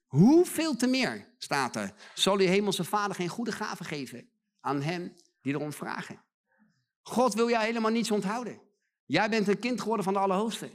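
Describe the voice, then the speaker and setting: A middle-aged man preaching a sermon in a church hall, his voice sitting notably high for a man. He speaks with emphasis, repeats phrases for force and slips into the voices of the people he quotes. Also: fairly bright tone.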